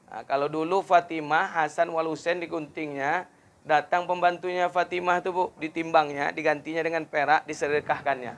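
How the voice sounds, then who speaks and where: A man giving a sermon at a family celebration, often rising to loud, high emphasis and adding joking asides. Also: flat delivery, normal speed. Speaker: preacher.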